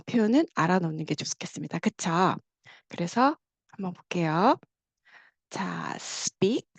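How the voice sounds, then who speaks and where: A woman's voice: lowish voice, a little mellow, no echo. A woman teaching an online English lesson, patiently explaining and drawing out each phrase for the class to repeat. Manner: slow, drawn-out drilling of English phrases; patient explaining, frequent checking questions. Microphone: close mic, muted class.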